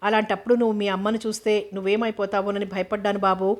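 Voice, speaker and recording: A woman reading aloud, voicing a gentle male doctor who consoles his son in soft speech. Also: medium pitch, level tone, fast talker, close to an everyday voice. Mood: tender.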